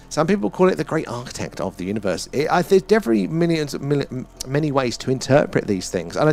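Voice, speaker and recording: Mid-pitched and slightly mellow, this British man chats on a live stream in a loose, wandering way. His talk drifts into casual philosophizing, peppered with some light swearing.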